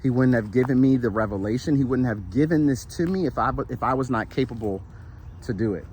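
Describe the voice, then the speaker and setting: With a mid-range, darkish voice at a fairly quick clip, a spiritual motivational vlogger gives a casual, encouraging monologue while walking in outdoor shade, tired and sweating. He's earnest and repetitive, restarts often and keeps asking "right?" A little hiss or hum is audible.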